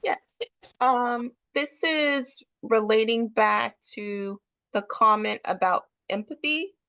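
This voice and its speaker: A woman's voice: fairly high pitch, slow, bright, forceful tone, dry recording. A woman council member speaking tentatively in a meeting, hedging with many fillers. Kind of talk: meeting discussion.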